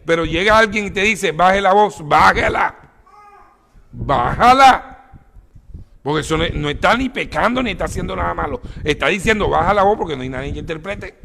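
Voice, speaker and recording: Gravelly, bright-voiced male preacher. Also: sits high, fast talker, hardly any pauses, in a large hall, slight background noise. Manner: emphatic, rising to near shouts; addresses listeners as "hermano mío". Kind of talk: sermon.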